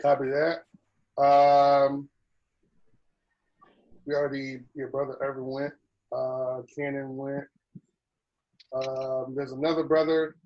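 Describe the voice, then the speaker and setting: A man's voice: mid-range voice, flat delivery, takes it slowly, pauses often, lo-fi sound. A man hosting an online lodge meeting, talking casually and often answering with "copy that" in a radio style.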